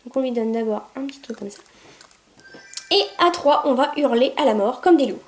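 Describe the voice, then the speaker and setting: A high-pitched woman chats through a pet game in a casual, excitable way. She coos at her puppy and calls out commands loudly. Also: moderate pace, a little hiss or hum. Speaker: gameplay video maker. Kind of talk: casual gameplay commentary.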